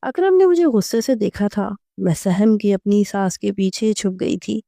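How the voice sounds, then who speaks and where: A woman narrating a romantic audio novel in the first person, in a steady, even storytelling manner. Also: medium pitch, gravelly, dry recording, clean studio sound.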